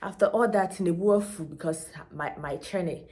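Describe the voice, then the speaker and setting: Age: young adult. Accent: Ghanaian. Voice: a woman with a fairly low pitch. Style: animated storytelling vlog, emphatic and blunt. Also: moderate pace. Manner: emphatic, animated storytelling with local slang mixed in. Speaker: vlogger. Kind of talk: casual storytelling to camera.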